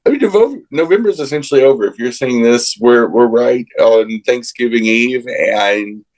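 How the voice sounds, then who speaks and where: A man with a gravelly voice hosting a casual chat show in a folksy, halting way. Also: medium pitch, a little mellow, poor audio. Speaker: show host.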